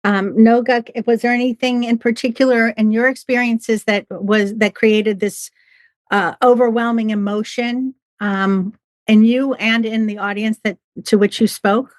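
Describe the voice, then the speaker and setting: Measured woman interviewer, slightly high. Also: steady tone, dry recording. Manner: measured, thoughtful questions. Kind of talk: conversational podcast interview.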